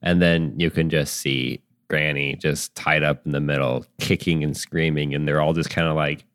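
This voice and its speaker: Low-voiced halting game master. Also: male voice, flat delivery, fairly bright tone, no echo, studio quality. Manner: halting, full of ums and likes. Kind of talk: narrating a tabletop game.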